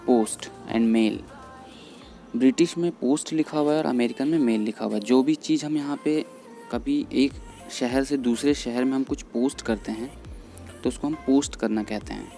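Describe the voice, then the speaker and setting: A man explaining English vocabulary in Hindi, patiently repeating each word slowly. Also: mid-range voice, gravelly, dark tone. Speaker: English teacher. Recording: faint background music under voice. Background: faint background music.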